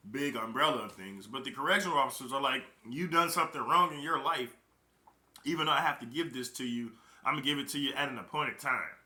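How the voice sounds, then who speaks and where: A young man gives a loose motivational talk in a casual, emphatic way, hammering his points home by repeating them. His voice is fairly high and very bright. It rings with the echo of a roomy space. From Chicago, Illinois. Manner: emphatic, repeats key phrases. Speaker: network marketing recruiter.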